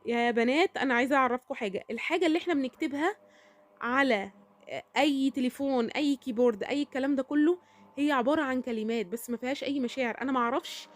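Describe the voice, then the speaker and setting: A woman with an Egyptian Arabic accent chatting casually in a cooking vlog, talkative and repeating herself, often checking in with "okay?". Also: high voice. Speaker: cooking vlogger.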